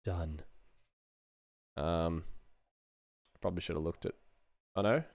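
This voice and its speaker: Low, slow and a little mellow, a middle-aged man's voice comes with no room sound. He is a sound designer streaming his work, chatting casually as he goes and thinking aloud with dry, self-deprecating humor.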